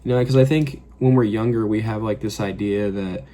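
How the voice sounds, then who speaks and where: A man's voice: on the low side, steady tone, fairly quick, mellow. A man in his late twenties talking casually in a rambling, profane way, full of filler words, in a reflective vlog monologue. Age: late 20s. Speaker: fragrance vlogger. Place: his apartment.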